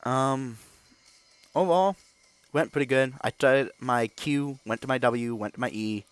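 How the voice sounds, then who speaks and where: A man hosting a gaming channel who gives rambling, filler-heavy video game commentary and gets excited and loud at times. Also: medium pitch, measured pace, clean tone, dry recording, faint music behind.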